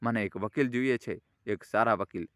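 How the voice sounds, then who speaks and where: Figure: elderly woman, a grandmother, hurt but resolute. Performer: a man voicing her. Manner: quiet, firm. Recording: dry. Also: on the low side, moderate pace, no room sound, close to an everyday voice.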